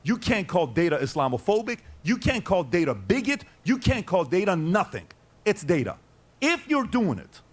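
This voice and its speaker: A middle-aged man telling a story in casual chat, blunt and emphatic, arguing his points hard. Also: fairly high pitch. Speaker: guest storyteller.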